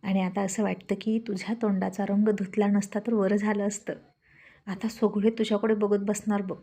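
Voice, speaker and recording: A woman's voice: medium pitch, flat delivery, moderate pace, warm tone, husky. A woman voicing a chatty young village woman who teases a newcomer. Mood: teasing.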